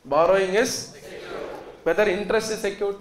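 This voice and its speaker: South indian guy teaching a class, highish voice, repeats stuff and keeps asking questions, echoey room. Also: fairly even intonation, moderate pace, a little hiss or hum. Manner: emphatic, repetitive, questions students often. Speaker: accountancy lecturer. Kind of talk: classroom lecture. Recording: echoey classroom with students faintly audible.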